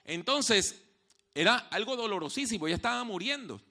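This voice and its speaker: Delivering a sermon in church, a man with a high-sitting, animated voice preaches as pastor through stories. His hushed tones break into loud outbursts, and he repeats key phrases slowly to drive them home.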